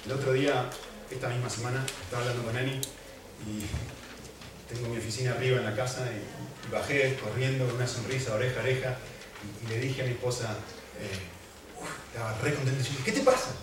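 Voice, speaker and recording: A man with a Rioplatense Spanish accent preaching a sermon as pastor, swinging between loud emphasis and soft asides. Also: medium pitch, steady tone, brisk. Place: church hall. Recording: echoey hall from far off, faint noise.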